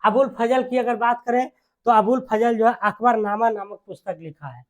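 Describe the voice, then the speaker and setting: An exam-prep teacher, speaking in a classroom style, repeating key words and asking quick check questions with tag phrases. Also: medium pitch.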